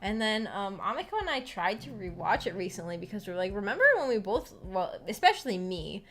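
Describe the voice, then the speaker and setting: Very animated and a little fast, a mid-range-voiced woman streamer tells giggly, self-deprecating personal stories while hosting a visual novel book club. Background music and slight background noise can be heard.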